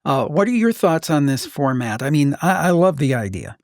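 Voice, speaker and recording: A man hosts a podcast, interviewing conversationally and adding his own asides. His voice is a little high, sing-song and a little mellow at normal speed, captured dry with clean studio sound.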